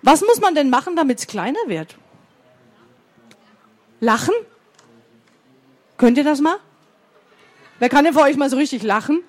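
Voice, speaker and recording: Woman storyteller for kids, high voice, unhurried and expressive. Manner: slow, expressive, asks the children questions. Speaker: storyteller for children. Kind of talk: reading a story aloud to children.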